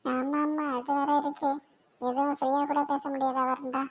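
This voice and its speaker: A woman's voice: sits high, level tone, moderate pace, highs cut off, lightly acted. A woman voicing a fussy, scolding elderly grandmother in a cartoon. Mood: chatty. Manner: scolding, grumbling. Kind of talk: cartoon voice acting.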